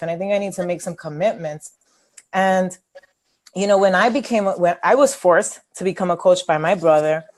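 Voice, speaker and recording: A woman's voice: fairly low pitch, a little mellow. Candid, chatty New woman. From New York City. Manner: candid and chatty, many fillers. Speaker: webinar host and coach. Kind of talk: casual webinar talk.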